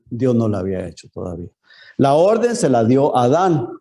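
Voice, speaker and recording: A man's voice: medium pitch, big pitch swings, fairly quick, mellow. A man preaching a Bible lesson as pastor in a church, often turning to the congregation with rhetorical questions.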